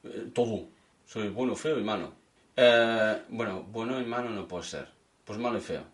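A man's voice: on the low side, moderate pace. A man co-hosting a casual podcast over beers, teasing his friend and joking about stumbling over his own words. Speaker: podcast co-host.

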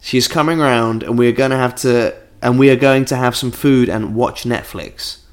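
A man's voice: mid-range voice, steady tone, normal speed. Rambling jokey man. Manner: rambling, jokey, drifts into mock voices. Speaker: podcast co-host. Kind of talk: casual comedic chat, reading listener letters.

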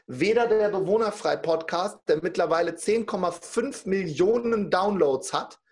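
In casual talk, a middle-aged man recounts something that happened to him at a moderate pace, his voice sitting high. He brings the story to life by performing the quoted speech of the people involved.

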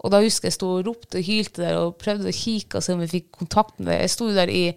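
A woman's voice: fairly low pitch, fairly even intonation, gravelly, smooth. A woman telling a personal story in casual chat, candid and self-deprecating, often breaking into laughter.

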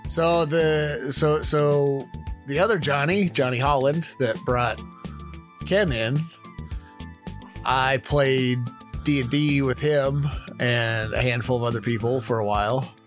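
Slow halting podcast dude, keeps restarting sentences, faint music under it. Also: male voice, mid-range voice, steady tone. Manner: slow, halting, starts over often. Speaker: podcast co-host. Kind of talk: casual chat.

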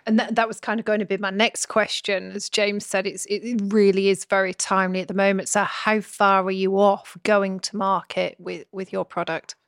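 A woman co-hosts an interview, asking friendly, direct questions. Her pitch is middle and the sound is dry and close. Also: flat delivery, normal speed, hardly any pauses, clear, resonant tone, no echo. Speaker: co-host.

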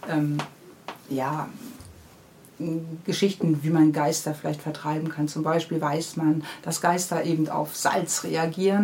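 Her low-pitched, darkish voice carries through a casual interview where she, the author, goes into detail about her children's books. The recording has clearly noisy ambience in the background.

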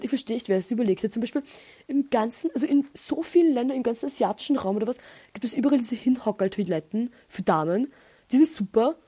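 A woman's voice: a little high, breathy edge. A young woman with an Austrian German accent, hosting a podcast and telling a story in casual chat, ranting with animation. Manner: chatty storytelling with animated rants. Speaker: podcast host.

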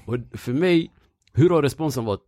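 A man's voice: medium pitch, animated, dark tone, dry recording, clean studio sound. A man hosting a podcast in casual chat, playful and slangy, mixing in English asides. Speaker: podcast host.

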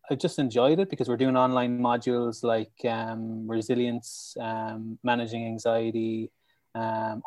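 An Irish man from County Clare, a mental health educator, chats casually as a podcast guest, sounding upbeat and earnest. His voice is mid-range and a little mellow, and the recording is dry; he's in a room at home on a remote call.

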